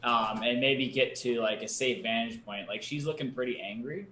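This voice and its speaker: A man's voice: medium pitch, moderate pace, bright, forceful tone. A man playing his character in a tabletop game, talking in a casual, hesitant way. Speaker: player. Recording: echoey room with faint noise.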